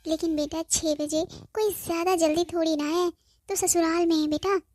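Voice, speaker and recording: A woman's voice: very high-pitched, steady tone, normal speed, a little mellow. A woman voicing a worried, scolding mother. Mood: firm scolding. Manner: anxious questioning, then firm scolding. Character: worried, scolding middle-aged mother on phone. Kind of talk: cartoon voice acting.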